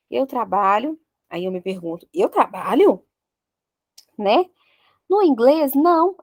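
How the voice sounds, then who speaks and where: A woman's voice: high voice, creaky, fairly bright tone, dry recording. A woman with a Brazilian Portuguese accent teaching an English grammar lesson, joking around and drilling verb forms one by one. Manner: playful, jokey, drills conjugations slowly one by one.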